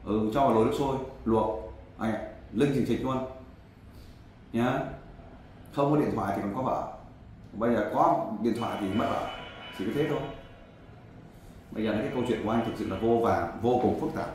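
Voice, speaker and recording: Pausing often at a normal speed, a man with a slightly low, somewhat mellow voice acts as a volunteer advisor for someone searching for his wife. His advice is blunt and preachy, and he frequently interrupts. Faint background noise sits in an echoey room.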